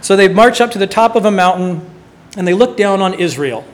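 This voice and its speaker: A man preaching a sermon, retelling a Bible story with quick, playful voiced asides for its characters. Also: high-pitched, animated.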